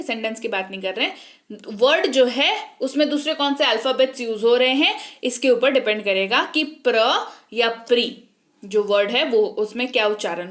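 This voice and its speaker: A woman's voice: high-pitched, fairly bright tone. A young woman teaching English pronunciation in an online lesson, patiently explaining and quizzing her listeners with repeated questions.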